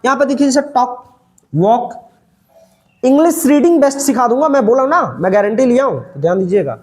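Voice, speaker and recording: Here a man with a very high-pitched, expressive, somewhat dark voice coaches English pronunciation. Repeating words and questioning himself about their reading before replying, he stretches the key sounds out at a slow pace.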